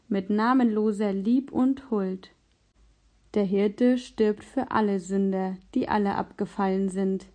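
Warm-toned woman narrating a story. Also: medium pitch.

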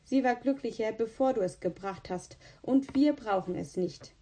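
A bedridden storybook boy, worn out and sullen, muttering his words in a tired, flat voice, as a woman reading the tale speaks for him. The tone is soft and mellow. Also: mid-range voice, unhurried, gravelly. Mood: peevish. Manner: listless and muttering. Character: sick, weary, sullen boy.

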